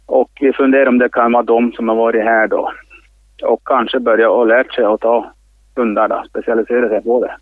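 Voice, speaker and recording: Guy on a phone line, tinny n dry, halting, keeps repeating himself. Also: mid-range voice, little pitch movement, no echo. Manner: halting, repeats words, shaken. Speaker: hunt leader interviewed by phone. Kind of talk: news interview.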